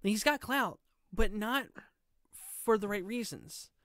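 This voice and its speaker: A man with a smooth, clean voice riffs sarcastically on clips during a casual reaction show. The sound is close and dry, with no room behind it. He gets loud when something strikes him as absurd. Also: high voice, takes it slowly, no room sound. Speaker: co-host reacting to videos.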